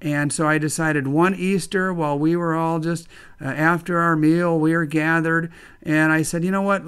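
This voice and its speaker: A man's voice: a little high, a bit bright, clean tone. A man from northwest Indiana hosting his own video channel, talking in an upbeat, friendly way with frequent "uh" fillers. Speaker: channel host. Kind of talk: casual video narration.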